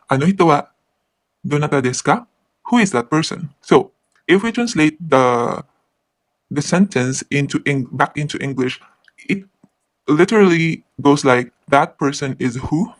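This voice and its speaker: A man's voice: a little high, no room sound. A man teaching a Japanese grammar lesson from the Philippines, explaining patiently with repeated examples.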